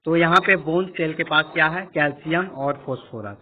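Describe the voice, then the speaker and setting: Brief: male teacher, somewhat high voice, repetitive explanatory lecture style, phone-quality sound. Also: moderate pace, a little hiss or hum. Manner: explanatory, repeats points and quizzes listeners. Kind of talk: classroom lecture with screen annotation. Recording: tinny phone-like audio.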